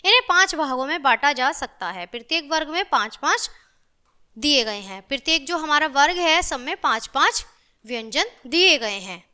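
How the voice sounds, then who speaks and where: A woman's voice: sits high, animated, bright, forceful tone. A woman teaching a grammar lesson to children, patiently repeating and drawing out each sound as she goes. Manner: patient, repetitive, drawn-out enunciation of sounds.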